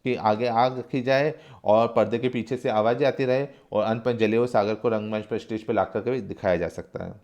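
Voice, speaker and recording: A man's voice: lowish voice, fairly even intonation, fairly quick, few pauses, a little mellow, highs cut off. A male teacher explaining a one-act play line by line, restating each line in simpler words.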